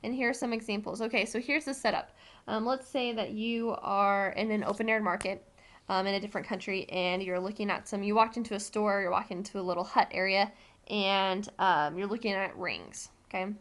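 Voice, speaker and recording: A woman's voice: mid-range voice, steady tone, a little fast, a bit bright. An American woman Spanish teacher giving a recorded classroom lesson, explaining patiently step by step with frequent ums.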